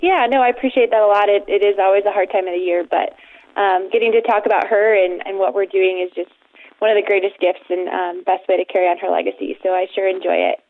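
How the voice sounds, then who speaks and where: A young woman calls in over a tinny phone line to talk about her charity. She speaks earnestly in an even, fairly flat tone, with frequent "um"s. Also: medium pitch, quick pace, no room sound. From Colorado. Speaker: phone-in guest, head of a charity. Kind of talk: phone interview.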